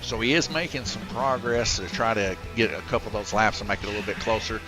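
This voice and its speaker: Man, low voice, laid-back race commentary, lots of fillers, music playing underneath. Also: fast talker, poor audio. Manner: relaxed, chatty, with many filler words. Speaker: race commentator and track host. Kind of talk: casual live race commentary. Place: slot car raceway.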